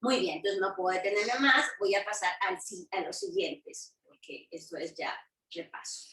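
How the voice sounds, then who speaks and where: A woman's voice: medium pitch, expressive, moderate pace, bright, forceful tone. A woman teaching a Bible study lesson, reading verses aloud, explaining them, and checking in with her listeners through short tag questions. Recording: roomy sound from a distance.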